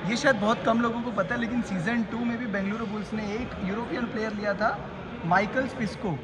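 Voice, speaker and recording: A man's voice: high voice, fairly even intonation, a little fast, a loud crowd, rough recording. A young man interviewing a coach outdoors by a street, eager and mixing in English phrases. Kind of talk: fan-style interview questions. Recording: outdoor interview with loud traffic noise.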